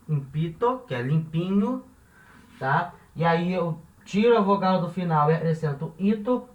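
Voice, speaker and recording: A man with a high voice, Portuguese by first language, patiently explains a language lesson as if in a classroom, repeating examples and frequently checking comprehension. The sound is lo-fi, echoey and distant.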